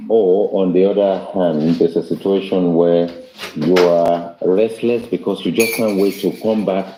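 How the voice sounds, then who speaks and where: A man's voice: low voice, steady tone, a little slow, roomy sound, noisy background. A man hosting a discussion, encouraging his guest and leading with questions. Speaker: host. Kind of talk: casual discussion.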